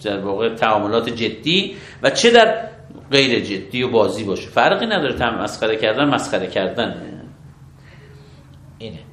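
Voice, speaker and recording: A man, a religious law scholar, explaining rulings step by step in an interview, measured and methodical. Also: lowish voice, big pitch swings, a bit bright, echoey room. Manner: measured, methodical, affirms with short approvals.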